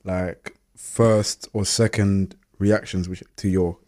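A man's voice: low voice, flat delivery, slow, dark tone. A man in casual podcast chat, making emphatic points with examples.

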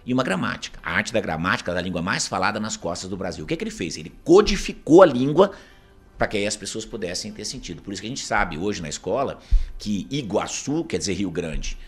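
A Brazilian man from Paraná speaks as an interview guest, with a husky, somewhat low voice. He talks quickly and swings widely in pitch. He argues emphatically and keeps tossing in rhetorical questions. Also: big pitch swings, soft background music. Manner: emphatic, argumentative, keeps asking rhetorical "isn't it true?". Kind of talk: opinionated conversational commentary.

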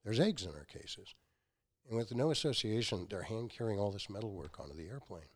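This company founder in his sixties has a lowish, slightly rough voice and talks fairly quickly. Appearing as a guest, he tells relaxed stories and dramatizes the quotes in them.

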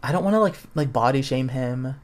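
A young man hosts a casual podcast, reading a choose-your-own-adventure game aloud. He mixes the options with wry, self-mocking remarks and easy laughs. His voice sits at a middle pitch. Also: lively intonation, a little fast. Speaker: podcast host.

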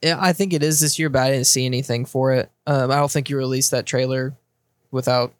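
A man co-hosting a casual movie podcast, measured and a bit skeptical, often giving short agreements. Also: mid-range voice, fairly even intonation, no echo, clean studio sound. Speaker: podcast co-host.

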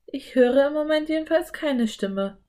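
An excited young girl in a storybook, eager and bold, calling out in loud, high, breathless bursts. A woman reader puts her on with a raised voice. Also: moderate pace. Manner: breathless, exclamatory.

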